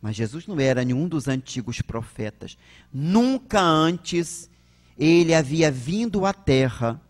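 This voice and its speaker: A man with a Brazilian accent delivers a public religious lecture at a slow, deliberate pace. His voice sits a little high for a man. He often poses rhetorical questions to the audience before answering them himself. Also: expressive. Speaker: spiritist lecturer.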